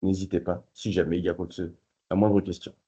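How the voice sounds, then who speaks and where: A man's voice: deep voice, little pitch movement, fast talker, mellow, breathy edge. A man hosting and moderating a presentation, introducing speakers and putting questions to them. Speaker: event host and moderator. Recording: dull, lo-fi audio.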